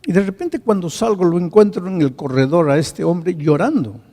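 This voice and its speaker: Gravelly man preaching in a reverberant hall. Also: high voice, moderate pace. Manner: dramatic, swings from hushed to loud. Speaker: pastor. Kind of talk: sermon storytelling.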